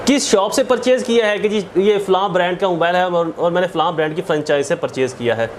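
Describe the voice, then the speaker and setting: A man with a high voice and a Pakistani accent moves quickly through an explanatory law lecture, mixing Urdu with English legal terms. He teaches by listing points and restating key phrases, with slight background noise.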